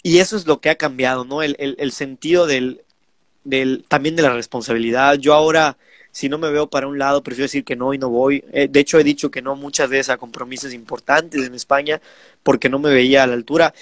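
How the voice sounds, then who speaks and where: Speaking briskly in a mid-range voice on a dry recording, this bullfighter guest is a twenty-two-year-old Mexican man with a Spanish accent. He spins lively anecdotes during a relaxed interview, mimicking his mom and dad.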